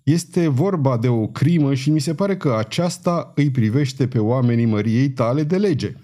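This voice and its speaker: A man voicing a gruff old soldier captain who speaks in a cold, curt way. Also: medium pitch, animated, warm tone, lightly acted.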